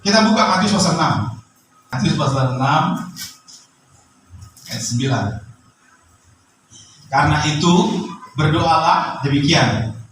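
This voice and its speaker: A man pastor preaching a sermon, bursting into loud rising phrases and asking the congregation questions. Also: fairly high pitch, heavy reverb, recorded from a distance, a little hiss or hum, rough recording.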